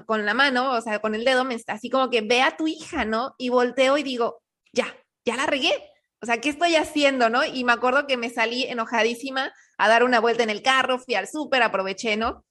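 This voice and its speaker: A woman's voice: fairly high pitch, fairly bright tone. A woman host, telling stories in casual conversation, often adding "¿no?" and restarting her sentences. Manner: chatty, frequent "¿no?" tags and restarts. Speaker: podcast host.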